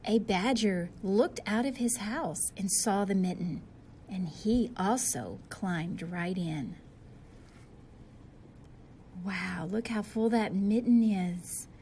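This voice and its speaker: Reading a picture book to small children, this woman keeps a slow, measured pace and a mid-range voice. She addresses the kids directly in an expressive, teacher-like way, tossing in easy questions and side comments, with a bit of background noise.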